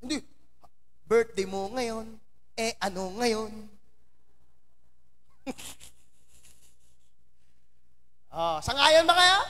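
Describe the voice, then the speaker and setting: Male pastor, very high voice, informal sermon with teasing asides, long church hall reverb. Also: lively intonation, extremely slow, pauses often, bright, forceful tone. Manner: chatty, teasing asides to congregation members by name. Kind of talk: conversational sermon.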